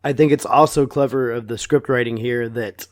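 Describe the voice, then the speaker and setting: A man's voice: mid-range voice, steady tone, moderate pace, no echo, studio quality. A man co-hosting a podcast, offering casual analytical commentary. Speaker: podcast co-host.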